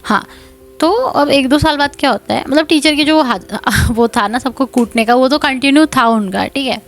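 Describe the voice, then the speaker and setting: A woman's voice: high voice, moderate pace. Chatty young woman telling a story. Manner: chatty, animated, laughs often, Hindi mixed with English. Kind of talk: casual storytime narration.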